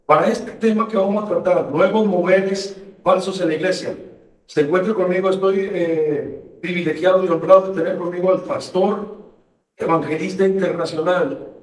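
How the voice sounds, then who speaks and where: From a radio studio, a male pastor hosts his program, reading scripture and preaching with fervent emphasis in a high, steady voice at moderate pace. His voice sits distant from the mic and picks up a roomy echo.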